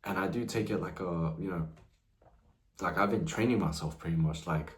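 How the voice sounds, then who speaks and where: Young man, deep voice, casual rambling talk to camera, echoey room. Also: normal speed. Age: young adult, nineteen. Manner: loose, rambling, many "you know" fillers. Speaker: vlogger.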